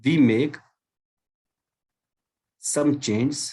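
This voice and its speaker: Over a video call, a man teaches an Arabic class, patiently explaining, repeating key words, and mixing in English as he lectures. His voice is mid-range and steady, mellow and slightly rough, with drawn-out words.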